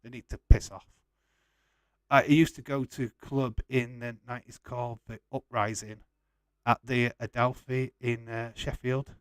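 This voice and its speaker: A West Yorkshire man in his forties with a Yorkshire accent hosts a casual watch-along livestream, chatting and reading out viewer comments. He speaks bluntly, chummily and informally in a mid-pitched, level voice at a moderate pace, and the sound is dry with very little room echo.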